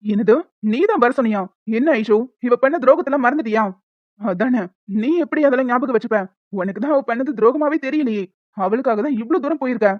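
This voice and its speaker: A woman voicing a hot-tempered young cartoon man who scolds in a rush, his voice rather high for a man. The sound is dull, dry and lo-fi. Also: dry recording, lightly acted. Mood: angry. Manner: scolding, fast. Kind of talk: cartoon dialogue.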